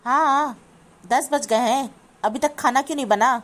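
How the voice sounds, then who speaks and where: A woman's voice: high voice, unhurried, fairly bright tone. A woman voicing a bossy, scolding older mother-in-law in a cartoon. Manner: scolding, complaining. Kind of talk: cartoon voice acting.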